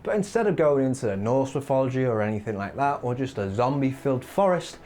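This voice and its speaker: Talking fast at medium pitch, a man hosts a gaming countdown with rambling, opinionated commentary and lively asides, though his voice is wearing thin. Slight background noise and faint music can be heard.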